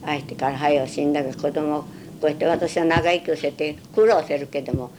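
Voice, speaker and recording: An elderly woman with a western Japanese Chugoku accent, reminiscing in a plain-spoken, halting way during an interview. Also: sits low, steady tone, a little mellow, slight background noise. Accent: western Japanese, Chugoku dialect. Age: 70s or older. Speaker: oral history interviewee.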